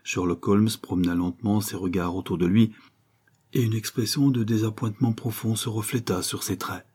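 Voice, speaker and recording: A man reading a novel aloud as narrator in a steady, measured way. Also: on the low side, slightly rough. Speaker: audiobook narrator. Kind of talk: scripted narration.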